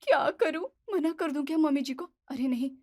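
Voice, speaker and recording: A woman's voice: high voice, moderate pace, a little mellow, natural voice. A woman voicing a weary young daughter-in-law who mutters grumbling asides to herself. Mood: muttering.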